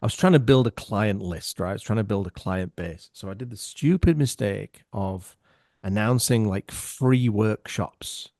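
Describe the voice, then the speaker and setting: A middle-aged man chatting casually as a podcast guest, telling lively stories and acting out what other people said. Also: lowish voice, normal speed, no room sound, clean studio sound. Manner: animated, acts out other people's voices. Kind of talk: casual storytelling chat.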